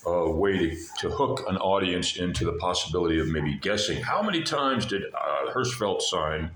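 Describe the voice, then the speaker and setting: Very low-voiced man, halting and meandering. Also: fairly bright tone. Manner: halting, meandering, often breaks off and rephrases mid-sentence. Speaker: art lesson video host. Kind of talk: rambling informal drawing tutorial talk. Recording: echoey room with faint background noise.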